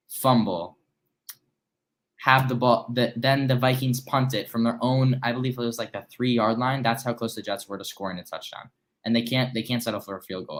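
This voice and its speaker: A man's voice: medium pitch, a bit bright. A teenage boy as a recurring guest, analysing a football game with some hesitant fillers. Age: teens. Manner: hesitant, fillers while recalling. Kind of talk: casual sports analysis.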